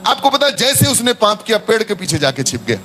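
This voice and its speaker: A man's voice: high-pitched, sing-song, fast, sharp tone, a little hiss or hum. A man preaching a sermon to a congregation, telling a story and having the crowd repeat phrases after him. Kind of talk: sermon with storytelling and call-and-response.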